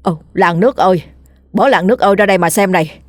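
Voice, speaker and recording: A woman's voice: fairly low pitch, quick pace, no room sound, clean studio sound, soft background music, lightly acted. A woman voicing a wounded older man who wails frantically to the neighbours for help. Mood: panicked. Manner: wailing, frantic cries.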